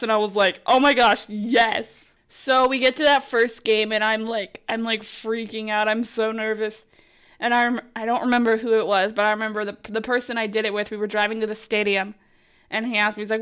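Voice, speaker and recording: A young woman talks through her own story in a casual podcast monologue. She is chatty and excitable, peppering her speech with fillers and acting out her own past reactions. Her voice sits on the higher side and sounds smooth and clear. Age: young adult. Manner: chatty and excitable, lots of "like" and "oh my gosh", quotes herself. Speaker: podcast host and college sports broadcaster.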